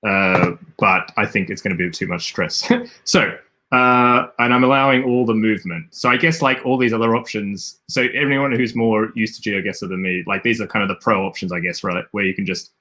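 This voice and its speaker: A man's voice: on the low side, moderate pace, sharp tone. An Australian man casually commentating a livestream while he plays, rambling and thinking aloud with frequent self-corrections. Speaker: game design streamer.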